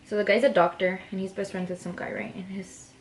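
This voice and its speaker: A woman's voice: medium pitch, flat delivery, fairly quick, a loud crowd. A young woman vlogger telling a story in a casual chat, often checking in with "right?".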